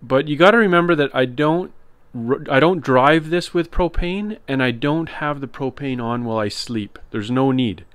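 A man giving a relaxed walkthrough of his trailer build, explaining as he goes with some fillers. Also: mid-range voice, normal speed, few pauses, no room sound. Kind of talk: casual walkthrough tour. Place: inside a converted cargo trailer.

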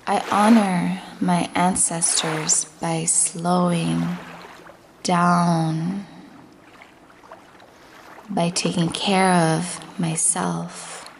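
A woman with a lowish voice and level tone guides listeners through a meditation with affirmations; a little hiss or hum is audible. She is slow and soothing, occasionally falling to a breathy near-whisper.

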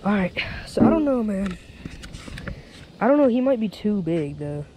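Outdoors by a small pond, a young man chats easily through his fishing vlog, frequently calling people "dude" and "bro." His high voice has a sing-song lilt and dark tone at normal speed, recorded on a head-mounted action camera's mic with wind and background noise.

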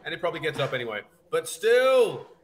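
A man in his thirties bantering casually and excitably on a gaming livestream, in slangy speech. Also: fairly high pitch, brisk. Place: small room at home. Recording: clear background noise.

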